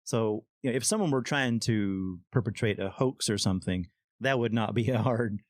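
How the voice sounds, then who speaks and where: A man's voice: lowish voice, normal speed, no echo, studio quality. A man co-hosting a casual podcast, talking hesitantly and often repeating words. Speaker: podcast co-host. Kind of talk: casual chat.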